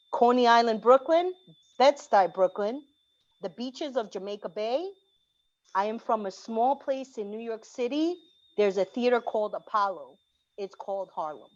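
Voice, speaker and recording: A woman's voice: a little high, a little mellow. Woman reading a poem over dull audio. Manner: measured, pausing between list items. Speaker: orientation organizer. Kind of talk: reading a collective poem aloud.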